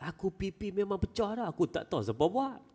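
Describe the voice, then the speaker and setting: Preacher putting on a high needling cousin, argumentative, lively. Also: male voice, quick pace, exaggerated voice. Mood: mocking. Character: sly arguing cousin, man, needling.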